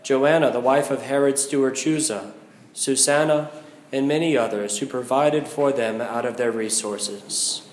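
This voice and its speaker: American priest, echoing in a big church. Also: male voice, mid-range voice, measured pace, slight background noise. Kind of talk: liturgical Gospel reading and homily. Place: inside a large church. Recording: echoing large church hall.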